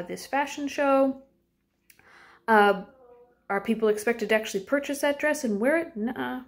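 Woman teaching a casual lesson. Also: on the high side. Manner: conversational, poses questions to students, frequent um and uh. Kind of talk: informal recorded lesson.

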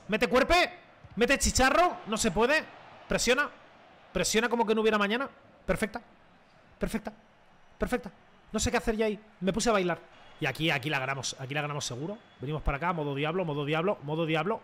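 A young man talks through his football video game as he plays, loose and slangy and quick to shout at the big moments. His voice sits high and sounds bright and edgy. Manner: excitable, slangy, shouts at goals. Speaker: gaming youtuber. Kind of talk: live gameplay commentary.

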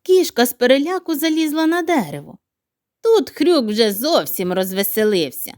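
A woman narrating a children's fairy tale in an animated, playful storytelling manner. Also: sits high, moderate pace, dry recording, clean studio sound.

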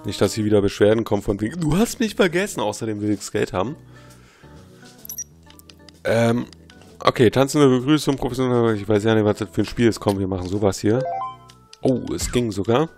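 Excitable man commenting on gameplay. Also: on the low side, fairly quick, long pauses, soft background music. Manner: exasperated, excitable outbursts; reads game text aloud. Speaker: let's player.

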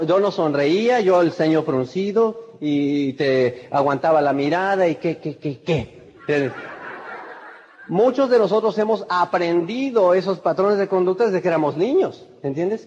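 A man from Mexico coaches a seminar crowd in a high, husky voice, acting out quick little scenes as he talks. His voice rings with long reverb in a big hall, and the recording sounds dull and muffled. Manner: animated, acts out little scenes, frequent "¿verdad?" and "¿me entiendes?". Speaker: network marketing trainer. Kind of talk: motivational seminar talk.

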